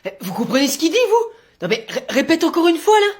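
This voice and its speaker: A woman doing a shouting deaf teacher. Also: high voice, big pitch swings, fast talker, roomy sound, background noise. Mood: indignant. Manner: shouting, indignant. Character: loud hard-of-hearing teacher, woman, touchy.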